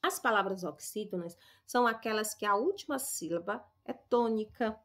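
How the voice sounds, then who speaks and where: Brazilian woman teacher explaining slowly. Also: mid-range voice, lively intonation, a bit bright. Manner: explains slowly, stresses example words, checks in with "tá?". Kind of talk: recorded classroom lesson.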